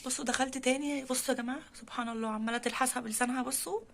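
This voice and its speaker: An anxious woman with an Egyptian accent films a casual vlog in her apartment. Her voice sits high and she keeps exclaiming to her viewers. A steady noisy background runs under a home phone recording. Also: rapid-fire, gravelly. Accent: Egyptian Arabic. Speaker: vlogger filming at home.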